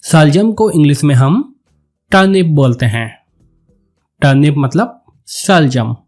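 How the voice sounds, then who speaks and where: Slow, deliberate male vocabulary teacher. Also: on the high side, expressive, a little mellow, faint music behind. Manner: repeats each word slowly and deliberately. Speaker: English teacher.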